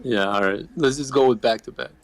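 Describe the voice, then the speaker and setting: A man with a mid-range voice talks fairly quickly in a recording with no room sound. He's a guest content creator in a casual podcast chat, keeping things laid-back and sprinkling in easy slang.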